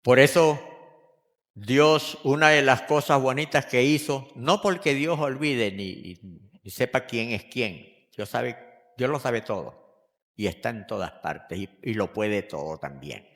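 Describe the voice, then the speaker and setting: An older male pastor preaching a sermon, moving between loud emphatic lines and quiet personal storytelling. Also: medium pitch, unhurried. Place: church hall. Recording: long hall reverb.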